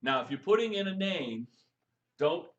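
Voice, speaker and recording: A man coaching a live audience on texting for network marketing, lively and jokey, firing questions at the room. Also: fairly high pitch, normal speed, dull audio. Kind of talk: live stream training talk to an audience.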